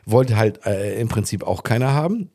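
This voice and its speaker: A middle-aged man chatting casually on a podcast, telling lively stories and acting out other people in quotes. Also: on the low side, moderate pace, breathy edge. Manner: animated anecdotes, voices others in quotes. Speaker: podcast guest. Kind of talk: casual storytelling chat.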